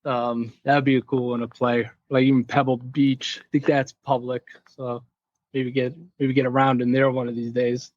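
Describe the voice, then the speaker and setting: A man's voice: medium pitch, level tone, normal speed, dry recording. Easygoing man on a dull, dry line. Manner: easygoing, joking storyteller. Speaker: podcast guest, packaging inventor. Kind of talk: casual interview chat.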